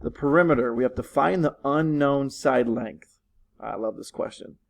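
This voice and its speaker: In this recorded online lesson, a man teaches from his living room, patiently guiding students through test questions and repeating instructions. He speaks at normal speed in a mid-range voice with vocal fry, over poor audio.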